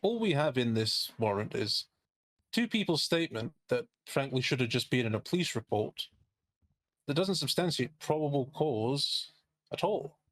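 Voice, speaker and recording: A man's voice: medium pitch, lively intonation, moderate pace, fairly bright tone, no room sound. Man playing pointed, sardonic defense lawyer, dry sound. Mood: sardonic, incredulous. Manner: rhetorical questions, pointed, sardonic. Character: skeptical, indignant male defense lawyer. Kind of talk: courtroom closing argument in a role-play game.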